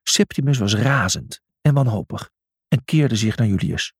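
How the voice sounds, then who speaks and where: A man's voice: medium pitch, expressive, normal speed, breathy edge, dry recording, clean studio sound. A man narrating a children's story audiobook in a dramatic, scripted style.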